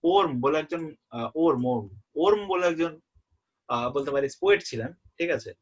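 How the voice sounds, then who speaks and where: A young man tutoring a student for an exam in a relaxed way. He often checks that the student is following and repeats the key terms. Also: on the high side, brisk. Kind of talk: informal exam-prep lesson. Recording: muffled lo-fi audio.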